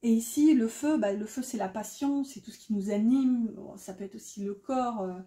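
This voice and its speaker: A woman reads tarot cards in a casual, chatty way, full of fillers and self-mocking asides. Her voice sits a little high and sounds soft and mellow. The room around her is echoey. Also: normal speed. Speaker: tarot reader.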